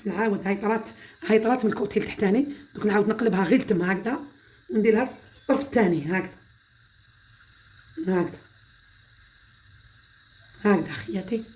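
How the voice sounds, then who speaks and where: Fast-talking Algerian woman with a mellow voice. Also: medium pitch, slight background noise. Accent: Algerian Arabic. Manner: chatty, repeatedly calls viewers "my sisters". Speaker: home cooking channel host. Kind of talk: casual home-remedy demonstration.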